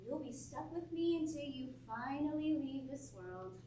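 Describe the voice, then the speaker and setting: A taunting female voice of dark thoughts, played by a woman on stage, sneering and mocking in a high register. It was recorded from far off in an echoey theatre. A faint hum lies underneath. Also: expressive, normal speed. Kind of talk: stage play acting.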